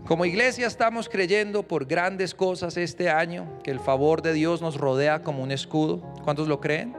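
A man preaching a sermon as pastor, rising to loud emphatic declarations and dropping to a personal storytelling tone. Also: on the high side, steady tone, moderate pace, faint music behind.

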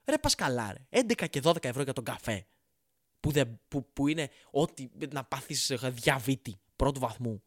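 A man's voice: medium pitch, animated, dry recording, clean studio sound. A man delivering a sarcastic, profane, exasperated comedic rant straight to the audience. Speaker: comedian ranting to camera.

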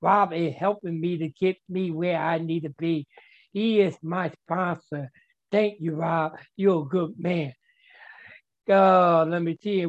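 Slow-talking, stuttering man, earnest share. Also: high-pitched, dull audio. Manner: stutters, repeats words and restarts often; simple, earnest, heartfelt phrasing. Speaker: member sharing at a recovery meeting. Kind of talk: personal share at a twelve-step meeting.

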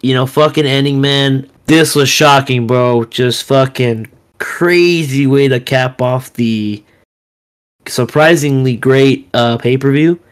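Male podcast co-host, smooth voice, unhurried, casual and profane. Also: mid-range voice. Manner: laid-back, swearing, filler-heavy. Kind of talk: casual wrestling podcast chat.

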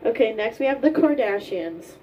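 A young woman with a mellow, dark-toned voice chats casually as a podcast co-host. She sounds informal and matter-of-fact. She sits back from the mic, with faint noise around her. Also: fairly high pitch, animated, moderate pace, far from the mic, rough recording. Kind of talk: casual chat.

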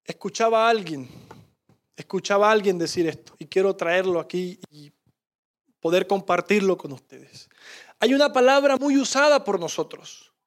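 A male pastor preaching with passion in a very high voice. He talks straight to the congregation and sinks to a soft hush for quoted words. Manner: impassioned preaching, drops to a hush when quoting Jesus. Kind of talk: sermon.

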